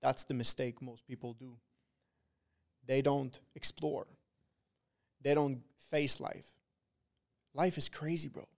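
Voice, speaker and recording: A man with a gravelly, creaky voice speaks like a frat bro on a podcast. He hammers his points in short, repeated phrases, casual and preachy like a pep talk. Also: mid-range voice, steady tone, slow pace, long pauses. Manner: frat-bro talk, peppered with bro, dude and swearing. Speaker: podcast guest, trader who runs a trading community.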